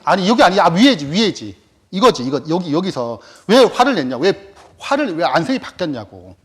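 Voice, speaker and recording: Husky, high-pitched man teaching Scripture. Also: sing-song, normal speed, fairly bright tone. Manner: rhetorical questions, answering himself. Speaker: Bible teacher. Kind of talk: Bible study lecture.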